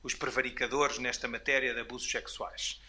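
Portuguese male debater, sharp bright tone, presses his case. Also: medium pitch, level tone, fairly quick. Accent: European Portuguese. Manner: argumentative, questioning. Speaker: panelist. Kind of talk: panel discussion.

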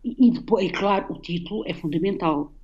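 A woman's voice: fairly low pitch, a little fast, a little mellow, lo-fi sound. A woman with a European Portuguese accent, a guest poet in a radio conversation, explaining a poem reflectively and often ending phrases with a tag question. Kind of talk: radio conversation about poetry.

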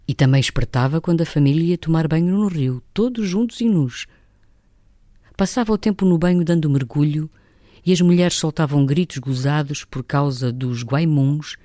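A woman, an actress, reading a novel excerpt as literary narration in a measured, expressive storytelling manner. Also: deep voice, no room sound, clean studio sound.

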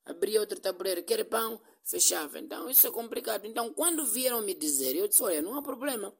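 A comedian telling a funny story with a playful, drawn-out delivery. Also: medium pitch, expressive, creaky, slightly rough. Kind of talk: comic storytelling.

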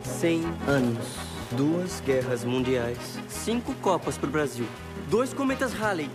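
An actor playing a theatrical Brazilian circus ringmaster, announcing grandly to his audience in a film trailer with drawn-out words. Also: a little high, animated. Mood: grand, inviting. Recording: loud music over film trailer voice.

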